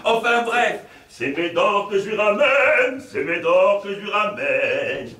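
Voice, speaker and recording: A fussy, excitable professor who chases a little affair, as a man plays him on stage. He talks slowly in a high voice that swoops up and down, full of theatrical asides. The sound is roomy and heard from a distance across a stage, with a faint murmur behind. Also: slight background noise, exaggerated voice. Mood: comic. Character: bumbling middle-aged male provincial professor, lecherous and fussy. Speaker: stage actor. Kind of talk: live stage comedy performance.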